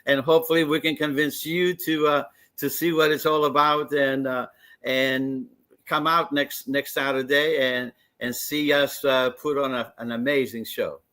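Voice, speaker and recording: In a casual radio interview on a sports talk show, an older wrestling commissioner from Greece talks eagerly as a guest. His mid-range voice is flat and sharp-toned, his pace unhurried, and he restarts his stories many times.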